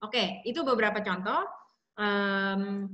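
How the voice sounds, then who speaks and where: A woman's voice: medium pitch, slow, lo-fi sound. A woman speaking at an online support session, chatting casually between stories and guiding simple relaxation exercises. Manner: chatty, warm asides, frequent fillers. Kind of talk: casual talk with guided exercises.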